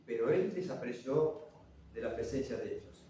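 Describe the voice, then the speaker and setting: A man preaching a sermon, swinging between loud, urgent lines and hushed ones and putting questions to the congregation. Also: mid-range voice, moderate pace, slight background noise. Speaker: pastor. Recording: very echoey church, from far off.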